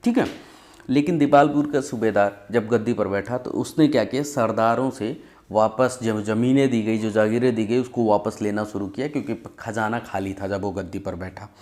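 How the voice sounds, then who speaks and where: A man's voice: fairly low pitch, normal speed, a little mellow. A man giving a conversational exam-prep history lesson, telling it as stories and often checking in with "ठीक है". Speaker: history teacher.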